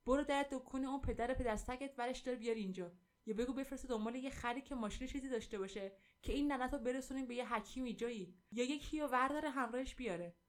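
A woman doing a shrill scolding aunt. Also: lightly acted. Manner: shrill, cursing, berating. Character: harsh scolding middle-aged aunt.

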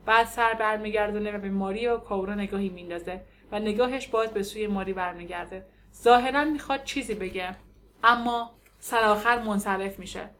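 A woman narrating an audiobook in a measured, descriptive way. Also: mid-range voice, a bit bright. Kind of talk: scripted narration.

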